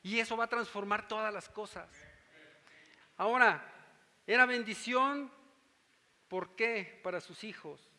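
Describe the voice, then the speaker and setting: A man's voice: high-pitched, measured pace, long pauses, pushed and bright, big-room sound. A man with a Mexican Spanish accent preaching a sermon as pastor, teaching and often asking whether his listeners follow him.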